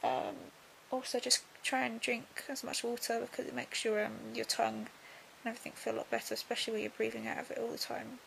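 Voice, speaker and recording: Creaky-voiced young woman, subdued after surgery. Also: a little high, little pitch movement, fast, hardly any pauses, a bit bright, a little hiss or hum, low-quality recording. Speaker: vlogger. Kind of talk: casual video diary.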